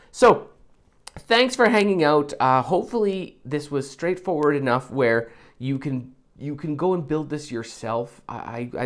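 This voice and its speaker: A man with a gravelly voice walks viewers through a hands-on prop build, chatting casually as he works. His pitch swings widely, and he wanders off into friendly asides. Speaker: prop maker. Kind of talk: casual DIY tutorial.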